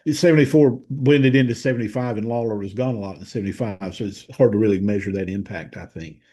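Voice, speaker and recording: Recalling details with care in an interview, a Southern-accented guest historian from Tennessee pauses at times to search for words. He has a lowish, mellow voice that is slightly rough.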